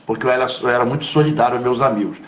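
A man with a Carioca accent, a former footballer, telling stories from his past in an interview, in an animated, slangy way full of asides. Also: mid-range voice, rapid-fire. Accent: Carioca Brazilian Portuguese. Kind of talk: conversational storytelling interview. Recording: roomy echo.

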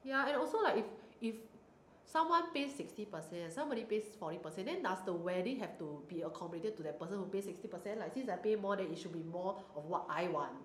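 A woman's voice: mid-range voice, animated, fast. Young woman, Singaporean accent, exclamatory casual Singlish with bits of Mandarin. Roomy sound, faint noise. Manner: colloquial Singlish with particles and Mandarin words; blunt, exclamatory. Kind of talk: casual chat. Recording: roomy echo, light background noise.

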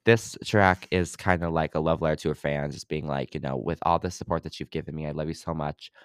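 A man's voice: rumbling low, steady tone, fairly quick, clear, resonant tone, no room sound, studio quality. A young man hosting a casual music review podcast, loose and chatty with lots of fillers. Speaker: podcast host.

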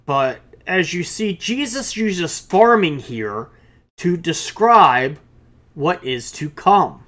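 A man's voice: fairly high pitch, lively intonation, slow, fairly bright tone. A male pastor preaching a sermon, reading scripture aloud and explaining it with casual asides.

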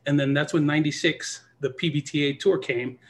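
A man telling pool gambling stories in a casual chat, full of "you know" fillers and acted-out lines from other people. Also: a little fast. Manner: animated, acts out other people's lines in a high voice. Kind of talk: casual storytelling.

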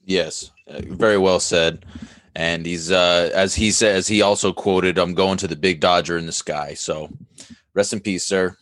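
Casting: very low-voiced male sports co-host, relaxed and halting, dry close sound. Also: no echo. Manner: easygoing, halting, with frequent fillers. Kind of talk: casual sports chat.

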